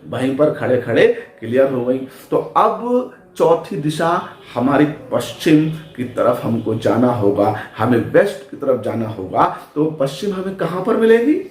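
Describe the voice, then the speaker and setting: A man teaching physics in speech at a board, who asks the class questions and answers them himself. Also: fairly high pitch. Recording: echoey room.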